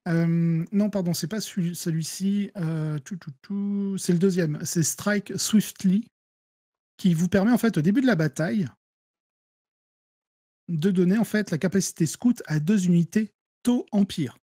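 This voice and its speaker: A guest player with a French accent talks through tabletop wargame strategy in a casual gaming discussion, his relaxed voice mellow and fairly high. He goes step by step at a moderate pace, trailing off into fillers and restarting sentences, and the sound is dry and close.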